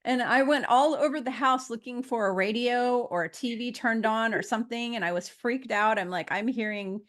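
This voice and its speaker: A woman's voice: on the high side, moderate pace, fairly bright tone. A woman in her fifties speaking as a guest in a casual conversation, meandering along with frequent fillers and restarts. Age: 50s.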